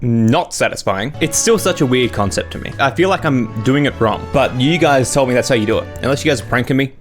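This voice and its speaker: A man's voice: mid-range voice, expressive, fairly quick. A young adult man chatting casually and drily as host of a taste test, talking while he eats sour candy. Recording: music behind the voice. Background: background music.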